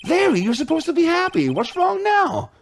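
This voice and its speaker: A man's voice: very high-pitched, sing-song, moderate pace, slight background noise, pitched above the performer's own voice, exaggerated voice. A man voicing an earnest rookie lawyer who is nervous, stammering and easily exasperated, in a dramatic game reading.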